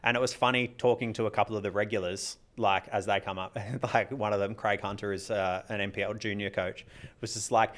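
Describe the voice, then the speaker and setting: A man chatting on a podcast in a fairly low voice. He rambles, restarts his sentences and laughs along the way. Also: steady tone, fairly quick, a bit bright. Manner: rambling, self-interrupting, often laughing. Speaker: podcast co-host and club organiser. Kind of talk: casual podcast chat.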